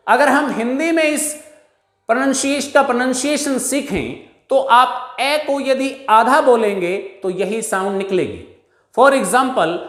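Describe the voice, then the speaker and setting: A man with an Indian accent teaching an English pronunciation lesson, slowly drawing out each example word. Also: high-pitched, fairly bright tone, echoey room.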